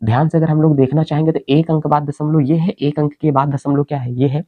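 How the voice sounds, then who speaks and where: A man's voice: on the high side, steady tone, a little fast, no echo, narrow, tinny audio. A male teacher giving an exam-prep chemistry lecture, explaining step by step and answering his own questions.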